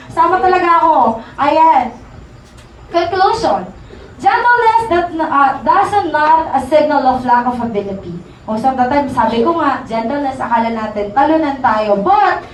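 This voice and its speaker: High-voiced woman preaching in an echoey hall. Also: slight background noise. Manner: conversational, mixing in English, asks the crowd for agreement. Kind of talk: sermon. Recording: echoey room, from far off.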